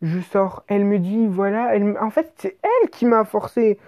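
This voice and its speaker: A woman's voice: medium pitch, animated, moderate pace, mellow, dry recording. A woman telling an absurd comic story in the first person, in casual slang and with lots of rambling and restarts.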